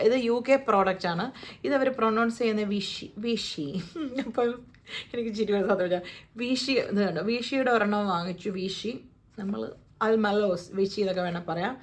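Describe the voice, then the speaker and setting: A woman with a Malayali accent chatting casually through a shopping haul, playful and joking about how to pronounce brand names. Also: mid-range voice. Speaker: vlogger. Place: home, living in the UAE.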